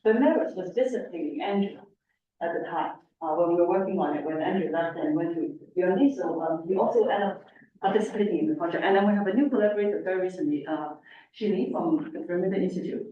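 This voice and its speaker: Woman, speaking through a face mask, informal lecture, halting explanatory delivery, distant mic, faint noise. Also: on the low side, very echoey, lo-fi sound. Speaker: academic lecturer, researcher. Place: indoor lecture room. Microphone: distant room microphone.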